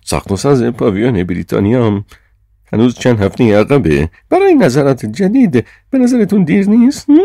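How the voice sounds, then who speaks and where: A man's voice: medium pitch, big pitch swings, mellow, no room sound, clean studio sound, pitched above the performer's own voice. A man reading an audiobook, voicing a stern, pompous British official man with a raised, clipped, indignant delivery.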